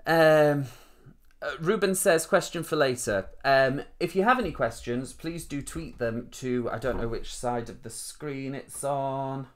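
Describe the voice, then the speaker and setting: A man's voice: mid-range voice, measured pace. A man in his thirties with a northern English accent, hosting an informal live stream and chatting in a rambling, self-deprecating way. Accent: Northern English, Rotherham. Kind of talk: casual live-stream chat.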